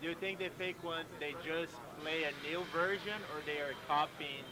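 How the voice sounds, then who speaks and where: A man's voice: a little high, steady tone, moderate pace. A man from Brazil, answering questions on a street hesitantly, searching for his words. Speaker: passerby being interviewed. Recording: loud street crowd and traffic behind.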